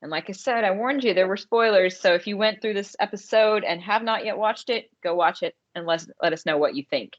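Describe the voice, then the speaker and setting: A podcast co-host chats casually about films, reviewing movies with emphasis and repeating words to stress her points. Her voice is medium-pitched and fairly quick, with few pauses. The audio is dull and lo-fi.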